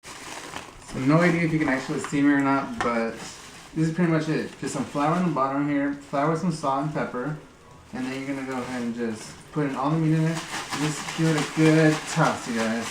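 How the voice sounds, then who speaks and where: A home cook gives a laid-back cooking tutorial indoors at the stove, speaking fairly quickly with a medium-pitched voice as he explains every step. Behind him, food sizzles and fries while he stirs, all clearly audible.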